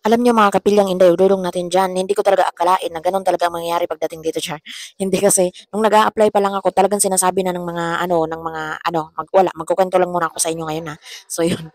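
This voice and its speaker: A young Filipino woman vlogger whose voice is hoarse after a fever, chatting in a casual voice-over and laughing often. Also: lowish voice, steady tone, rapid-fire, darkish tone, no echo. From Philippines. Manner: chatty, laughs often, says "char" as a tag. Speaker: vlogger, domestic worker abroad.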